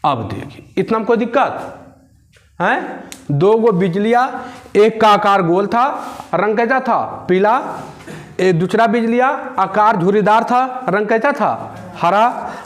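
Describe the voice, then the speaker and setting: Slow, high-voiced teacher drilling. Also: male voice. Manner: repetitive question-and-answer drilling. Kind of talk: classroom lesson.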